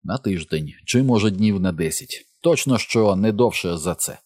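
A man's voice: lowish voice, lively intonation, normal speed, a little mellow, dry recording, clean studio sound. A man voicing an anxious asthmatic husband who is wheezing, speaking in a strained, firm but pleading way.

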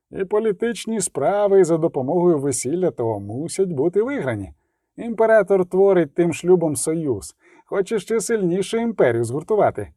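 A man voicing a calm, well-informed middle-aged merchant in an audiobook, explaining in a measured way. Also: fairly high pitch, dry recording, clean studio sound.

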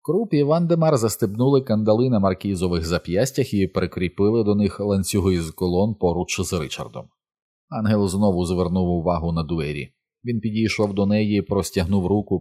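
A man narrating an audiobook in an even, unhurried storytelling manner. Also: sits low.

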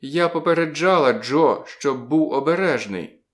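A man voicing a frightened, angry young woman in an audiobook, with a shrill, snapping delivery. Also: lively intonation, a little slow. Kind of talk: audiobook reading.

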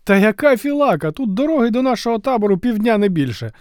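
A man reading an audiobook, voicing a loud, excitable young messenger who bellows in a hoarse, overjoyed chatter. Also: sits high, fast talker, dry recording, clean studio sound, voice pushed up. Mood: excited shouting. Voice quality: hoarse shouting. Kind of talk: audiobook character voice.

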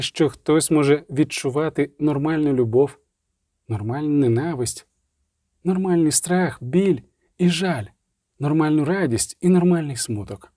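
A man voicing an adult sorceress who talks in a cold, mocking way and grows heated, pitched well above his own voice. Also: dark tone, no room sound, clean studio sound, close to an everyday voice. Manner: mocking, fast and rising.

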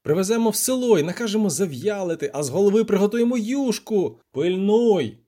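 Bard voice for an audiobook: a man playing a boastful, excitable poet, pitched high and loud, with a swooping, lively delivery and a mellow tone. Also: normal speed. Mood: shouting eagerly. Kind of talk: audiobook character voice.

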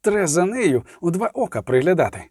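A man's voice: high-pitched, very animated, fairly quick, a little mellow, husky, no room sound, studio quality, voice pushed up, full character voice. A man reading aloud and voicing a crude, suspicious male mercenary who mutters sly remarks.

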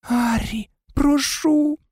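An earnest teenage schoolgirl, voiced by a man who begs her friend in a high, lively voice that swoops up when she frets. The sound is dry and close. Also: brisk, gravelly, no room sound, exaggerated voice. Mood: pleading. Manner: urgent, imploring.

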